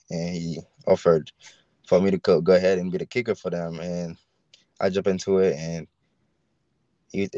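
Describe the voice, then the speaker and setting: Here a college punter from Haiti, a young man, gives a relaxed video-call interview in a low-pitched, darkish voice, often hesitating and restarting. The recording is dry, with the dull lo-fi quality typical of call audio.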